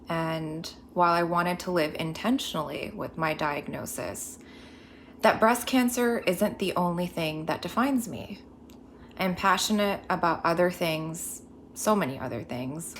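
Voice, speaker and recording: A woman's voice: on the low side, lively intonation, a little slow, a little hiss or hum. A woman sharing her personal experience in a reflective, earnest way. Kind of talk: personal testimony.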